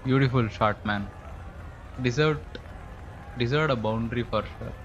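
A man's voice: medium pitch, unhurried. Indian man streaming, slightly dull sound. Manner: joking, playful boasting. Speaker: live game streamer. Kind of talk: casual chat while gaming. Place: indoor room, streaming setup. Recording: dull audio with faint game noise. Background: cricket game sound.

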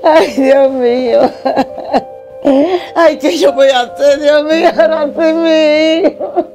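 A woman's voice: sits high, big pitch swings, unhurried, gravelly, full character voice. An actress playing a remorseful mother who drinks and begs her son not to leave her, over background music. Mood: sobbing. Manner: pleading, sobbing.

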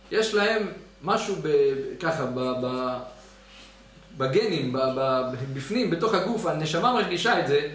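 High-voiced man teaching in an echoey hall. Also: slight background noise. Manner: lively storyteller who acts out the quoted voices. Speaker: rabbi teaching a weekly Torah class. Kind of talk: weekly Torah lesson. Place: study hall. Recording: very echoey hall, mic at a distance.

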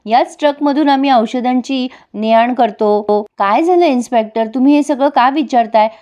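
A woman's voice: high-pitched, moderate pace, dark tone, muffled recording, natural voice. Woman reading as a proud, indignant businessman. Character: proud older businessman father, defensive.

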